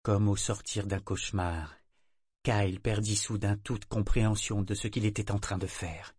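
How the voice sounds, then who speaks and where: Low-voiced man narrating a novel. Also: steady tone, normal speed, darkish tone, breathy edge, dry recording, clean studio sound. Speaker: audiobook narrator. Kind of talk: scripted narration.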